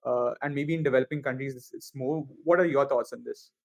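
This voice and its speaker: Halting man asking questions. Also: mid-range voice, fairly even intonation, vocal fry. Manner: hesitant, restarts often, many fillers. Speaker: podcast host, interviewer. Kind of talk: casual interview questions.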